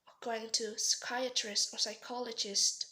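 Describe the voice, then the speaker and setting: Young woman, Indonesian accent, slow rehearsed speech, raised pitch, earnest with restarts. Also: flat delivery, sharp tone. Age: young adult. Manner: earnest, pausing, with slips and restarts. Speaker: student giving a practice speech.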